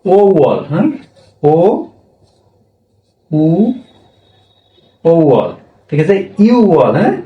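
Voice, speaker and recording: A man teaching a Korean lesson in Bengali, speaking slowly and repeating each word with a checking "yes?". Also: fairly high pitch, huge pitch swings, lo-fi sound. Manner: slow, repetitive, checks with "হ্যাঁ?". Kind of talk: classroom language lesson. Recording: echoey room, voice from far off.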